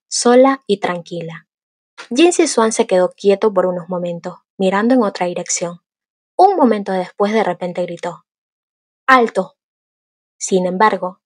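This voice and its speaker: A woman narrating an audiobook of a fantasy novel in a steady, even storytelling manner. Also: mid-range voice, breathy edge, dry recording, studio quality.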